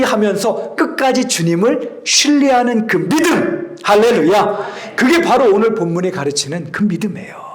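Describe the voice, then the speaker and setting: Animated high-voiced preaching man. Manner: dramatic, acts out quotes, drops to whispers; asks the congregation questions. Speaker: pastor. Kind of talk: sermon.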